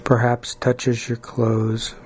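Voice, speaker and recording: A man guides a body-scan meditation in a calm, soothing way. His mid-pitched voice stays very even and flat, and he leaves long pauses between short phrases. A light hum of noise runs behind him.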